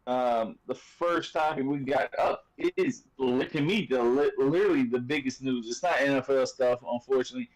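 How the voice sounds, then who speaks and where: A man's voice: mid-range voice, moderate pace, few pauses, poor audio. A man hosting a sports podcast in loose, joking casual chat, full of fillers and restarts. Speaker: podcast host.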